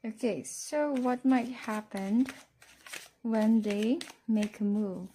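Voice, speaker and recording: A woman's voice: a little high, slow pace, mellow, slight background noise. A woman giving a casual tarot reading, speaking to the listener as a fortune teller. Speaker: tarot card reader.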